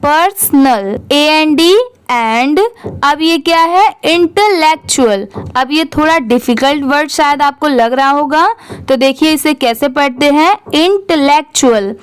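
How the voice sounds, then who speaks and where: A woman with an Indian accent teaching English reading, patiently spelling words out letter by letter and asking questions. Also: sits high. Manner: reads English text very slowly, word by word. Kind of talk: slow spelled-out reading lesson.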